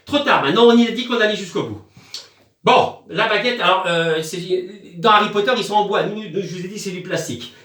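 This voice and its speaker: A man's voice: high voice, brisk, a bit bright, reverberant, recorded from a distance. A man chatting in a rambling, joking home video, with crude asides and chanted nonsense magic words. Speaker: video host.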